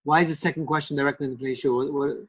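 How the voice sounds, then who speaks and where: Rapid-talking male student. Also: on the high side, steady tone, slight background noise. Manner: rapid questioning.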